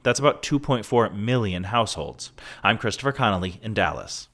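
A man reporting a scripted radio news story in a steady, clear voice. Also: on the low side, fairly quick.

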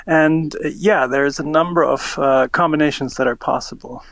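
Man, professor, careful explainer, slightly higher voice, dry sound. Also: steady tone, vocal fry, fairly bright tone, no room sound. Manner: measured, explanatory, hesitant fillers. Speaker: linguistics professor guest. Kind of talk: radio interview.

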